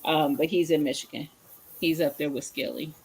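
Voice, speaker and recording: A woman's voice: low-pitched, fairly even intonation, normal speed, darkish tone, husky. A woman hosting a casual livestream, chatting with viewers by name and rummaging around her kitchen as she talks. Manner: chatty, greets viewers by name, searches while talking. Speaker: livestream host.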